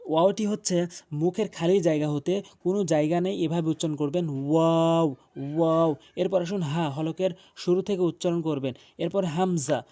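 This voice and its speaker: A man with a Bangladeshi Bengali accent walks through the sounds of each letter, stretching and repeating them with frequent pauses. His voice sits a little high for a man, yet its tone is mellow and soft rather than bright. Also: vocal fry. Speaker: Quran reading teacher. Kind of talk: step-by-step pronunciation lesson.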